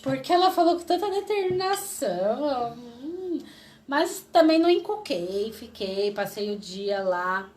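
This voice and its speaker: A Brazilian woman in her thirties telling an emotional personal testimony as an interview guest, lively and acting out what people said. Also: high voice, a little slow. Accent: Brazilian Portuguese. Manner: lively, acts out quoted voices, laughs often.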